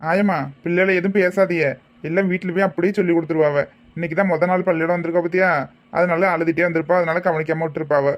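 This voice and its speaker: A man playing a brisk, sharp-tongued kindergarten teacher. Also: on the high side, steady tone, natural voice. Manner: brisk, bossy, quick to threaten. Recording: dull lo-fi sound.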